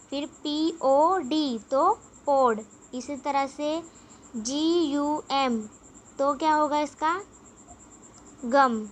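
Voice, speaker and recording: Woman teacher for a kids' class, high voice, spells out each word slowly. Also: slight background noise. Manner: slow, spells words letter by letter. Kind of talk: children's English lesson.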